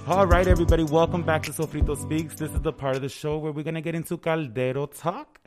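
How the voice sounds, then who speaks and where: A man's voice: on the high side, steady tone, quick pace, over music. A man hosting a podcast in a casual, joking, slangy manner. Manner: laid-back, joking, slangy. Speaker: podcast host.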